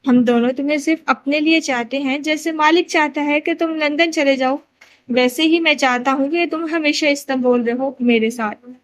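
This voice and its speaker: A woman's voice: sits high, lightly acted. A woman reading the lines of a grieving young man who pleads and confesses his fear of losing his friend. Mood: pleading.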